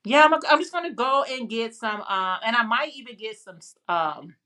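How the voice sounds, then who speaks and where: This Chicago-accented woman hosts a laid-back livestream chat, wandering from topic to topic while replying to viewers, with plenty of fillers and restarts. Her voice sits a little high and sounds expressive, pushed and bright at a normal speed.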